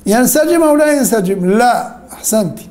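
Animated and extremely high-pitched, with a darkish tone, this male teacher peppers his class with questions. He responds to answers with praise or correction and then repeats the main points slowly.

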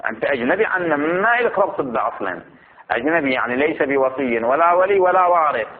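Lo-fi cleric teaching. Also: male voice, a little high, animated. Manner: reads a text slowly, then explains it conversationally. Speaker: religious teacher. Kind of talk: jurisprudence lesson. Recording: phone-like lo-fi audio.

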